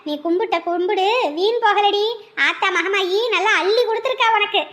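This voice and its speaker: A woman voicing a bossy, teasing old village woman in a cartoon who scolds loudly. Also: extremely high pitch, steady tone, moderate pace. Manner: brash, mocking, then overjoyed. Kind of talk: cartoon voice acting.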